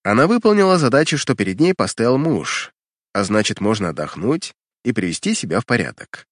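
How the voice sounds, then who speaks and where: A man's voice: fairly low pitch, sing-song, brisk, dry recording, clean studio sound. A man narrating fiction from a script as an audiobook reader, in a dramatic storytelling style.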